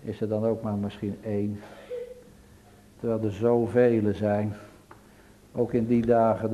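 Slow, solemn Dutch-speaking preacher. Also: male voice, mid-range voice. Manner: solemn, pleading, swells to loud emphatic peaks. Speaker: pastor. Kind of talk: sermon. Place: church.

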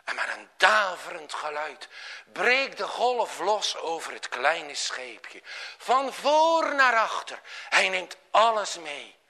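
Expressive, high-voiced male storyteller. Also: slow pace, creaky. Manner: dramatic, expressive reading. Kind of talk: storytelling narration.

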